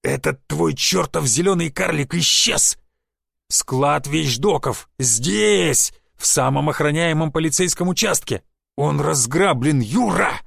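Brief: bossy secret police chief, loud and scolding, a gravelly, raised voice, played by a male reader. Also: a little high, expressive, a little slow, dry recording, studio quality, heavily acted. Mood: furious. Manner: shouting, cursing, scolding. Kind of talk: audiobook character voice.

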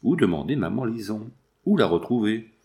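A man's voice: fairly low pitch, big pitch swings, normal speed, mellow. A man reading a distraught young woman. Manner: frightened, pleading.

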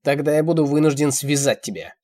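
A man reading an audiobook, voicing a cruel, domineering old man who shouts his orders. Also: mid-range voice, very animated, normal speed, breathy edge, no echo. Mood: raging. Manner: shouting, bullying.

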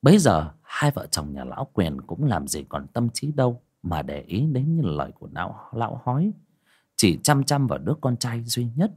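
A man narrating a horror story in an expressive, dramatic way. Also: medium pitch, moderate pace, slightly rough.

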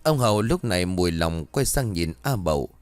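A man's voice: deep voice, lively intonation, normal speed, no room sound. A man narrating a ghost story with dramatic storytelling.

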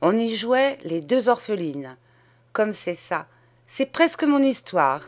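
A woman reading a novel aloud in the first person, with an expressive, dramatic delivery. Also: mid-range voice, slow pace, soft background music. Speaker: audiobook reader.

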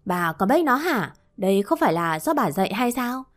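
A woman's voice: medium pitch, big pitch swings, moderate pace, lightly acted. A woman voicing a short-tempered middle-aged father who scolds his family. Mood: scolding. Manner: scolding, gruff.

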